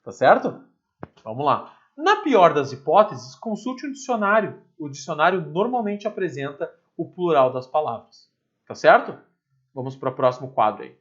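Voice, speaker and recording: A man's voice: fairly high pitch, very animated, moderate pace, highs cut off. A male teacher explains grammar in a chatty way, asking rhetorical questions and dropping asides. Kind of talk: recorded grammar lesson.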